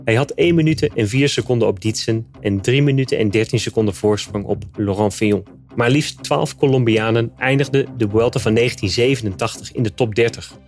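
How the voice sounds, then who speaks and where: Man reading a nonfiction narration. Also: mid-range voice. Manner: steady, measured reading. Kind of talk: scripted narration.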